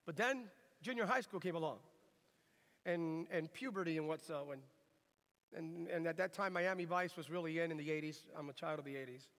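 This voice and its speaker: A middle-aged American man preaching a sermon, telling lively, humorous stories. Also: fairly high pitch, brisk. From United States. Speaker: pastor. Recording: reverberant hall.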